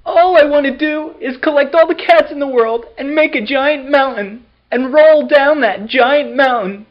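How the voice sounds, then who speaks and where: A woman's voice: sits high, expressive, takes it slowly, full character voice. A woman voicing a gushing, tearful crazy cat lady. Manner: gushing, emotional, stammering, baby talk to the cat. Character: lonely, tearful, cat-obsessed woman on a dating video. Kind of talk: cartoon parody acting. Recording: slightly muffled lo-fi audio.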